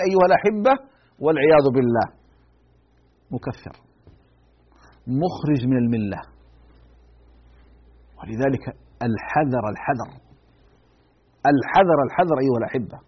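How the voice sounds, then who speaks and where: A man giving a religious lecture. He speaks emphatically, repeats his warnings, and moves between low grave tones and raised pleading. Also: husky. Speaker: lecturer on the Prophet's biography. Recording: dull lo-fi recording.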